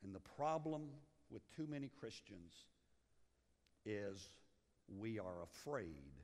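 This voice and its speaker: A man from Liberia preaching a sermon as pastor, swinging from loud urgency down to hushed, low lines. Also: very animated, takes it slowly. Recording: long hall reverb.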